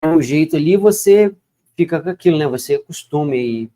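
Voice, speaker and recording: A man's voice: fairly high pitch, brisk. Man reading scripture with chatty asides. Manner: reads verses then comments in relaxed chatty asides. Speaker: bible reader. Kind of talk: casual bible reading with commentary.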